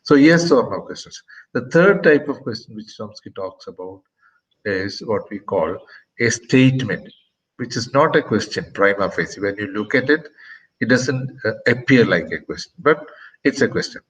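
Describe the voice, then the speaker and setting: A man giving a university lecture, explaining slowly with many pauses and repeated "okay", and rising sharply in pitch to act out questions. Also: expressive, low-quality recording. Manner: acts out question intonation with sharp rises in pitch. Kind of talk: classroom lecture.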